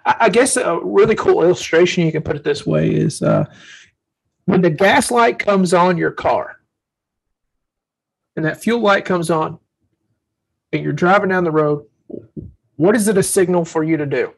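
A man's voice: sits high, moderate pace, vocal fry, long pauses, husky, low-quality recording. A man co-hosting a faith-based parenting talk, speaking earnestly and telling stories from his own life as a father. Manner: earnest, storytelling, acts out quotes. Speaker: podcast co-host.

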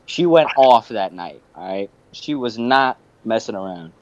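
Young man, podcast host, storytelling, very expressive pitch, profane, laughing. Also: measured pace, no room sound, dull audio. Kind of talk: casual storytelling chat.

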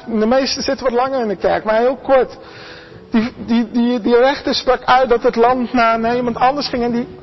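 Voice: mid-range voice, in a large hall. A preacher giving an earnest sermon, speaking straight to the congregation and often repeating or restarting words. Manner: earnest, addresses the congregation directly, acts out quoted voices. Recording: slightly dull recording with faint music behind.

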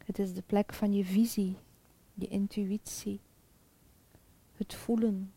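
A woman guiding a chakra meditation in a soft, calm, half-whispered spa-like voice with long pauses. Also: medium pitch, vocal fry, breathy edge. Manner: slow, calm, soothing, with pauses. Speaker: meditation guide.

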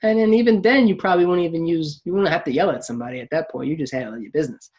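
This podcast host speaks very fast in a fairly high, slightly rough and somewhat mellow voice. He's reflective and casual, restarting sentences frequently and performing the quotes he cites, all on a muffled recording.

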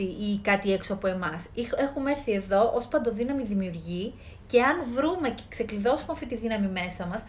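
A woman's voice: medium pitch, a little mellow, a little hiss or hum. A woman from Greece speaking as a life coach in an earnest motivational talk, emphatic and piling up repeated phrases.

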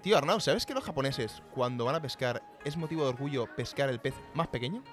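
Fast-talking fussy man. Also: medium pitch, animated, fairly bright tone, faint music behind. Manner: fussy, nagging about costs. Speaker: sketch comedy performer. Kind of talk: comedy radio sketch.

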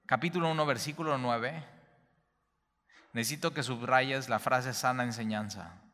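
A man's voice: mid-range voice, moderate pace, pushed and bright, big-room sound. A man preaching a Bible teaching sermon, speaking straight to the listener and repeating key phrases for emphasis.

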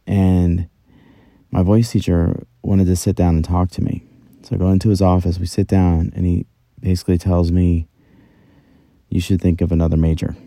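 A middle-aged man's voice sits low and warm, with a level tone, moderate pace, and some vocal fry. Alone in a closet for his podcast, he casually narrates his own experiences with self-deprecating humor, and the close recording is very dry.

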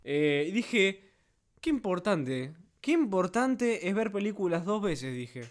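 A young Argentine man with a fairly high voice co-hosts a casual podcast chat. He tells stories in quick, animated, slangy bursts. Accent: Argentine Spanish. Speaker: podcast co-host.

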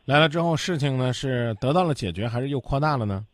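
A man's voice: medium pitch, expressive, fast, no room sound. A man hosting a radio call-in show, asking direct questions and steering the caller. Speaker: radio advice host.

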